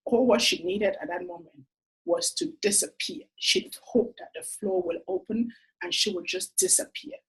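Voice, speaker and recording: A woman's voice: mid-range voice, normal speed, breathy edge, rough recording. A woman in her forties, telling personal stories in an earnest, heartfelt appeal to camera. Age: 40s. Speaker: entrepreneur making a funding appeal.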